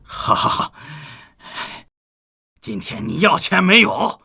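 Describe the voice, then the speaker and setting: A middle-aged actor playing a blustering village head and father who shouts orders and wails. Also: high-pitched, huge pitch swings, slow, gravelly, slightly rough, heavily acted. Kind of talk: short-drama acting.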